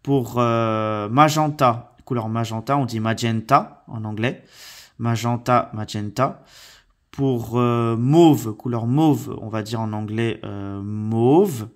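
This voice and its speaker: A man teaching vocabulary from slides, hesitant with many fillers, repeating words slowly and carefully. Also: medium pitch. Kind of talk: slide-based vocabulary lesson.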